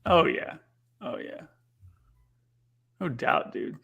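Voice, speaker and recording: A man co-hosting a casual talk show, laughing often and talking in a brisk, playful way. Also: fairly bright tone. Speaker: co-host. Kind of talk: casual chat.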